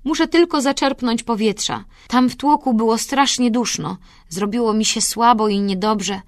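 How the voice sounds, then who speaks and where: A woman's voice: fairly high pitch, normal speed, dry recording, studio quality, pitched above the performer's own voice, natural voice. A woman voicing an insecure teenage girl who insists in a strained, tearful voice in an audiobook. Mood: defensive. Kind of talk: audiobook character voice.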